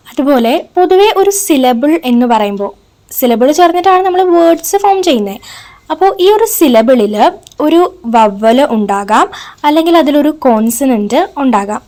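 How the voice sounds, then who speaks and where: Higher-pitched woman teaching phonetics, slow and step by step, spells out syllables. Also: darkish tone. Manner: explains step by step, mixing in English terms, syllables spelled out slowly. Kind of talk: recorded phonetics lecture.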